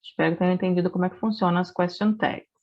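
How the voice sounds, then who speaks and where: A Brazilian woman teaching an English lesson in Portuguese, reading English example sentences slowly and then translating them. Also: fairly low pitch, fairly even intonation, dull audio. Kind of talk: recorded classroom lesson in Portuguese.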